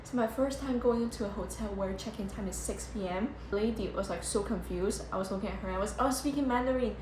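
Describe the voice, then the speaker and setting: Talking fast in a mid-range voice, a young woman gives a casual travel-vlog tour of a budget hotel, from its entrance to the room, filming on a handheld phone. She giggles and says "like" constantly, chatty and excitable, and the recording is echoey with loud background noise.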